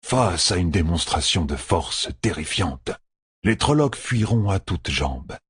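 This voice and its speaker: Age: older. Figure: a man playing a grim old general. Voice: husky, low. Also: big pitch swings, measured pace, fairly bright tone, dry recording, clean studio sound, heavily acted. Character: proud aging male general, grim and shaken.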